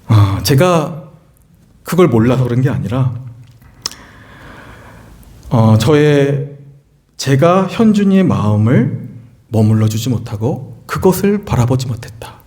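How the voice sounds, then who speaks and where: A middle-aged man preaching in a church. He tells a story about his own children in an earnest, conversational way and often turns to the congregation with questions. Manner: earnest storytelling, rising pitch when excited, asks the congregation questions. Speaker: pastor. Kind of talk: sermon with personal story. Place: church sanctuary.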